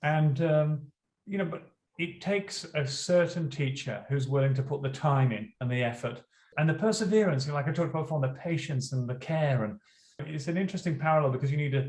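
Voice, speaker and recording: A school principal being interviewed, telling animated stories and acting out classroom dialogue. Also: male voice, on the high side, brisk. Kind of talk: interview storytelling. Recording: roomy echo.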